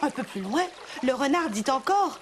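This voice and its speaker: A woman with a Quebec French accent reading a children's story aloud as a mother, with animated expression, in a kids' cartoon. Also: high voice, moderate pace, a little hiss or hum.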